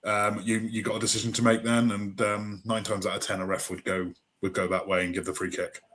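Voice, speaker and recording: A man's voice: fairly low pitch, flat delivery, fairly quick, a bit bright. A man co-hosting a casual football podcast, a referee himself, talking things through with many fillers and tag questions. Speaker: co-host, referee.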